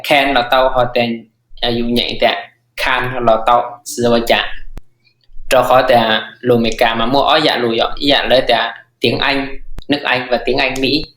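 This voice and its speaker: A man teaching a language lesson, repeating phrases slowly and word by word. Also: mid-range voice, a bit bright, echoey room, poor audio.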